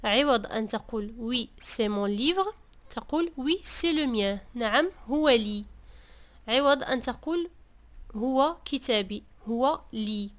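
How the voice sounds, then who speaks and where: A woman teaching French grammar, saying each example phrase slowly and carefully, repeating it, then translating it. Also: fairly high pitch, expressive, no echo. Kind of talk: slow, deliberate grammar lesson.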